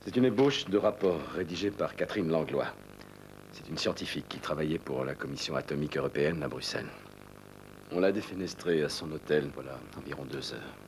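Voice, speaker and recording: A dogged middle-aged reporter in a dubbed television drama. His voice is very low and serious, over a faintly noisy soundtrack. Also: animated, fairly quick. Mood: grave. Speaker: actor dubbing a film character. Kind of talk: dubbed TV film drama dialogue.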